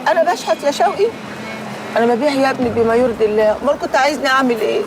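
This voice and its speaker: A woman's voice: sits high, racing. An actress with an Egyptian accent playing a weary, defensive mother. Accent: Egyptian Arabic. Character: weary mother selling by a mosque, middle-aged. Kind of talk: TV series acting. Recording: drama music behind.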